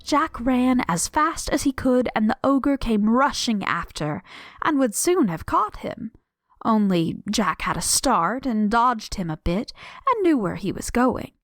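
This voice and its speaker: A woman narrating a fairy tale aloud with lively expression, dropping to a whisper at tense moments. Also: on the high side, unhurried, no echo. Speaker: storyteller. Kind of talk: storybook read-aloud narration.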